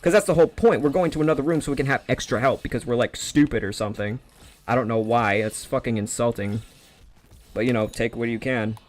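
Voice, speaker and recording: A man's voice: medium pitch, fast. A man streaming games while telling a long, profane story in a sarcastic, rambling way. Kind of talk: casual rant over gameplay.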